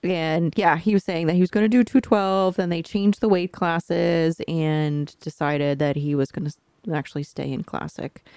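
Woman cohost on a podcast, lowish gravelly voice, dry close mic, chatty and quick with asides. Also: no echo. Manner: chatty, explaining, lively asides. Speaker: podcast co-host and coach. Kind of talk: casual chat.

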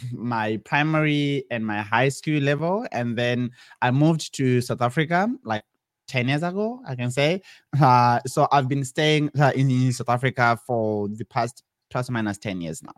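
This man in his twenties, from Zimbabwe, is a business founder appearing as a podcast guest. He speaks casually in a medium-pitched voice at a measured pace, often restarting and repeating words. There's no room sound on the recording.

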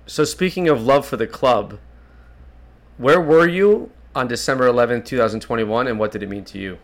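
A man's voice: mid-range voice, normal speed. A man hosting a fan podcast, earnest and repeating himself as he gathers his thoughts. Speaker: podcast host. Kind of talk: casual chat.

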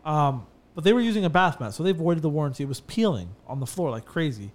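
This fast-talking man, whose voice is fairly high, runs a bathtub refinishing business and swaps stories on a relaxed podcast. He narrates with energy, peppering his speech with fillers and restarts.

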